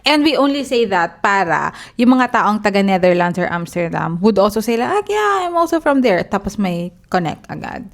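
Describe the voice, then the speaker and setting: A woman's voice: mid-range voice, very animated, a little fast, few pauses. A woman from the Philippines with a Filipino accent, co-hosting a podcast in casual chat, laughing often and mixing Tagalog and English. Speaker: podcast co-host.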